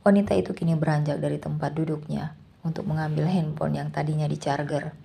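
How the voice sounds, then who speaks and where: A woman storyteller narrating a domestic drama in an even, measured reading. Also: low-pitched, gravelly, husky. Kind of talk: scripted narration.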